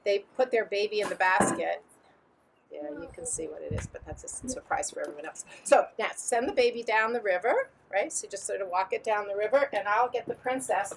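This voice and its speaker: A woman telling a story to children at a family gathering at home, in a playful, animated way with dramatic swings in pitch. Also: fairly quick, gravelly, slight background noise, poor audio. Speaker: storyteller at a family Passover seder.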